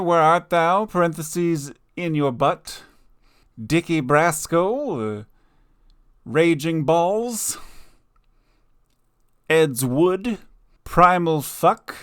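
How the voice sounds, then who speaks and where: Slow-talking joking male game commentator. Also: on the high side, a bit bright, clear, resonant tone, no echo, clean studio sound. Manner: joking, mock-outraged, slow deliberate punchlines. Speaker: gaming video host. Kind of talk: casual let's-play commentary.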